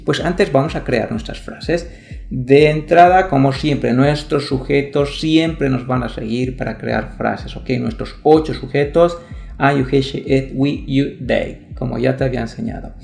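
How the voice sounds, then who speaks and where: Gravelly teacher explaining grammar. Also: male voice, mid-range voice, a little slow, a little mellow, faint music behind. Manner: explanatory, frequent "¿ok?" checks. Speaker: English teacher. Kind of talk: scripted online grammar lesson.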